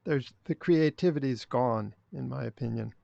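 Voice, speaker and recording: An older man speaking as a podcast guest in casual interview chat, blunt and opinionated, halting with restarts. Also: medium pitch, gravelly, dark tone. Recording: dry, dull lo-fi sound.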